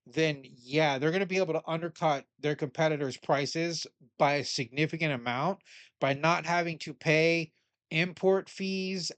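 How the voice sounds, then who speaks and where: A man's voice: a little high, a bit bright, no room sound. Blunt, opinionated man reading the news. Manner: blunt, opinionated, swears casually; argues with the article as he reads it aloud. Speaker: commentator. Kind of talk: casual commentary reacting to a news article.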